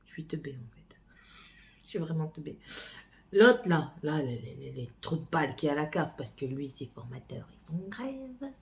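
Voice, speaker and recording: A mother chatting casually in a home vlog, rambling and hesitant, with lots of pauses as she talks. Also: sits low, big pitch swings, vocal fry, a little hiss or hum.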